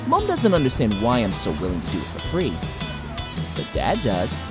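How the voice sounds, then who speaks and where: A self-satisfied dachshund lifeguard who loves bossing people around, voiced by a woman. Low voice that swings up and down a lot, over loud cheerful music. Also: wildly swooping pitch, moderate pace, full character voice. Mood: smug. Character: cocky male dachshund lifeguard, bossy. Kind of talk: scripted comic voice-over.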